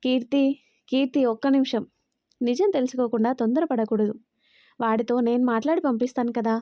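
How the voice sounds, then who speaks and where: A woman's voice: a little high, fairly quick, no room sound, natural voice. A woman voicing a stressed, exasperated young man. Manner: tense, exasperated. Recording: dry, slightly dull recording.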